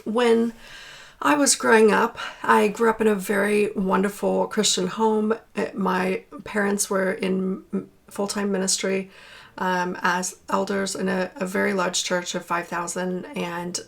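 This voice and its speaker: A middle-aged woman from Portland, Oregon, with an accent that drifts between American and British, telling her life story to camera in a chatty, halting way. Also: medium pitch, little pitch movement, gravelly. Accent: mixed American and British. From Portland, Oregon, United States. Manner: warm, chatty, slightly halting with fillers.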